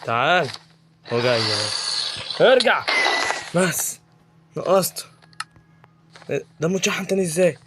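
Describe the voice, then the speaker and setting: A man's voice: on the high side, expressive, normal speed, long pauses, noisy background. A young man with an Egyptian Arabic accent giving joking, chatty commentary while he plays a video game. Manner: joking, chatty, talks to game mobs as if interviewing them. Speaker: gaming YouTuber. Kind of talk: casual gameplay commentary.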